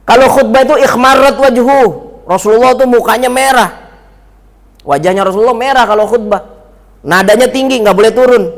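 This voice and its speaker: A man giving a mosque lecture, teasing and joking with his audience as he tells stories. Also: high voice. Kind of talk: sermon. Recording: long reverb of a mosque hall.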